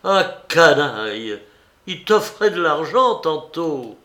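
A man reading aloud, voicing a young man in anguished, loud outbursts. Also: fairly high pitch, expressive, normal speed, voice pushed up. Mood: furious. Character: young man, heartbroken and hot-tempered.

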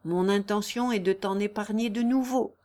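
A woman's voice: mid-range voice, normal speed, warm tone, close to an everyday voice. A woman voicing an earnest young male lawyer who pleads tenderly and solemnly in a read-aloud novel. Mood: earnest, pleading.

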